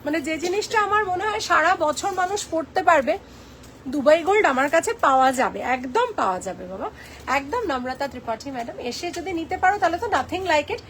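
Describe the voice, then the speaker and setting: Woman, high voice, live-stream sales chat, playful and teasing, code-switching to English. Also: lively intonation, fairly quick, fairly bright tone, slight background noise.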